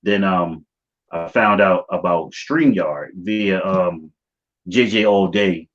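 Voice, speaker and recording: A low male voice with an American accent, coming through slightly dull stream audio. He hosts in a loose, slangy way, talking informally to his viewers as if among friends. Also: takes it slowly. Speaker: livestream host of a YouTube channel. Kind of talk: casual livestream chat.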